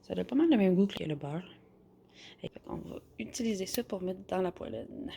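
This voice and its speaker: A woman's voice: on the low side, expressive, normal speed, creaky, background noise. A young woman with a Québécois French accent, chatting casually as she cooks in her home kitchen and rambles with many fillers. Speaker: vlogger. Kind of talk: casual cooking vlog narration.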